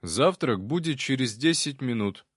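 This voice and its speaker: Guy doing a calm formal old butler, dry close sound, storybook. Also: mid-range voice, a little slow, husky, no room sound, pitched above the performer's own voice. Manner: formal, composed. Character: unflappable older male butler.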